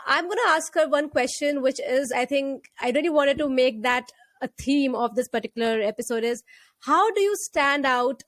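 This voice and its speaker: A woman's voice: high voice, dry recording. A woman hosting a podcast, asking her guest long, earnest questions. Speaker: podcast host. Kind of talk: podcast interview.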